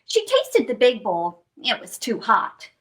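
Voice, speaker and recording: A woman's slightly high voice, a little slow, leads an animated picture-book read-aloud for young children. As storytime host she reads with playful expression, adding sound effects and asking the kids questions.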